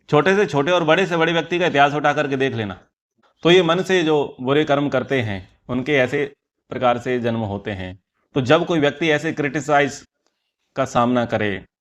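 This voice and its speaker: A man teaching a scripture class, explaining earnestly and repeating key phrases for emphasis. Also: on the high side. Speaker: Vedic teacher.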